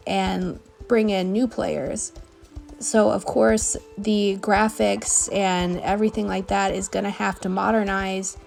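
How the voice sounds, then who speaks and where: A woman with a sore, cold-stricken hoarse voice gives casual, opinionated commentary over a video game. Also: medium pitch, darkish tone. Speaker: gaming video creator. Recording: music behind the voice.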